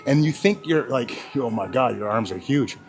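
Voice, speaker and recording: A man's voice: medium pitch, lively intonation, moderate pace. A man talking casually in a gym vlog while out of breath, rambling and swearing, with lots of sidetracks. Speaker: fitness vlogger. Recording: music playing clearly behind.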